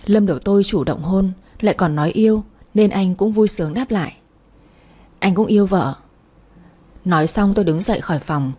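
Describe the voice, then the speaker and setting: A woman's voice: mid-range voice, fast talker, hardly any pauses, mellow, breathy edge. A woman reading a first-person romance story aloud, voicing every character herself. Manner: reads all characters' dialogue in one voice. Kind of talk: first-person audiobook narration.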